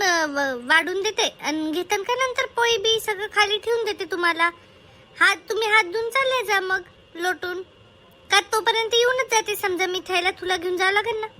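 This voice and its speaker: A woman performs a village comedy sketch. Her voice is very high and bright, and she talks in a chatty, fussing, rambling way. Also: moderate pace.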